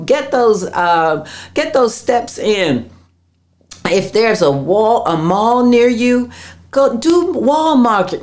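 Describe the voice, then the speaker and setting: A middle-aged woman coach talks through exercise tips on a casual live stream, her voice low-pitched. She speaks at a slow, easygoing pace, stopping to answer viewers' comments with a laugh. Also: a little mellow. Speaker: host and fitness coach.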